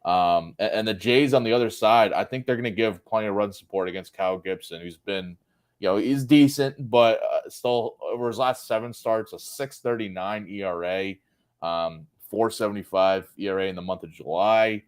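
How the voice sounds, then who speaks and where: A man with a fairly low voice co-hosting a sports betting chat. He moves the show along and works through his numbers in a steady, filler-heavy way. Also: normal speed. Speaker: co-host, betting analyst.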